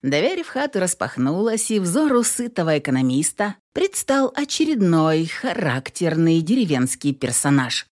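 Expressive woman reading an audiobook. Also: on the low side, normal speed, few pauses. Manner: expressive, ironic storytelling. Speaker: audiobook narrator. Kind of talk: scripted audiobook narration.

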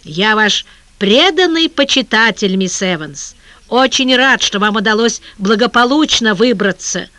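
An audiobook reader voicing a charming male sports editor who speaks softly and coaxingly. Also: mid-range voice, animated, unhurried, dry recording. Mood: friendly. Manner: soft-spoken and coaxing. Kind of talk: audiobook character reading.

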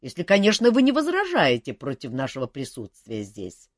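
A woman's voice: a bass voice, huge pitch swings, moderate pace, dry recording, studio quality, exaggerated voice. A woman voicing a sly, teasing young man who mocks his friend. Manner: teasing, wry. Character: mocking young male adventurer, sly joker.

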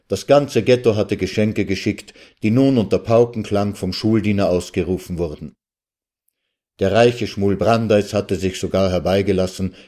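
A man reading a story aloud on the radio at a measured literary pace. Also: on the low side, warm tone.

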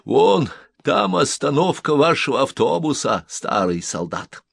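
A man voicing a small, gentle male alien messenger who speaks in a soft whisper, from an audiobook. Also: a little high, very animated, a little slow, vocal fry, husky, no room sound, voice pushed up, full character voice. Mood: whispered, kindly.

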